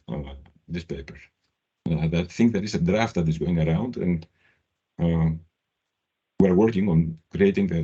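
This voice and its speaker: Deep, husky man on a video call. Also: warm tone. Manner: halting, restarts phrases. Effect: heard over a video call. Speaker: meeting chair. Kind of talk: business meeting update. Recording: slightly muffled video call audio.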